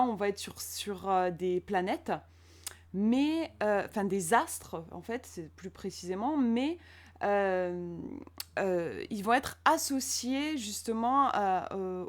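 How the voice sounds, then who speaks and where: Hesitant French woman reviewing a deck. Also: medium pitch. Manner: hesitant, many fillers and restarts. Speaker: tarot and oracle deck reviewer. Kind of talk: casual unboxing review.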